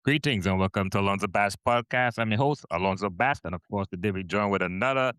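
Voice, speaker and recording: A middle-aged Trinidadian man from Trinidad and Tobago hosts a podcast, speaking quickly in a smooth, lowish voice with a touch of brightness. The casual interview chat is upbeat and talkative, peppered with fillers and repeated words, and the audio carries no room sound.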